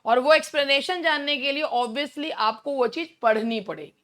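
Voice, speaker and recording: High-voiced female tutor, bilingual exam-coaching lecture, talks straight to students. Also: fairly bright tone. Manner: reads multiple-choice options slowly, then explains quickly; addresses students directly with rhetorical questions. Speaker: English literature teacher. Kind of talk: exam-prep lecture mixing Hindi and English.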